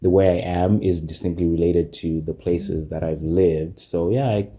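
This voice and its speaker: A man from Zimbabwe co-hosting a casual podcast chat, relaxed and thoughtful, with frequent fillers. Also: sits low, normal speed. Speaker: podcast co-host.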